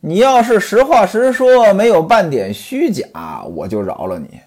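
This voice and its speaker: A storyteller lending a slightly husky voice to a domineering, scheming young mistress in a spoken tale. She barks orders and scolds her servants with a tone that swoops up and down. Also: mid-range voice, sing-song, unhurried, darkish tone. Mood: bossy. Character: scheming sharp-tongued young mistress, a woman.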